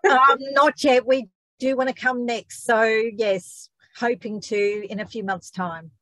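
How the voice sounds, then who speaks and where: Female online workshop attendee, casual chat, slightly high pitch, dry sound. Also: steady tone, measured pace, a bit bright, no room sound, poor audio. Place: online call. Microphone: video call microphone.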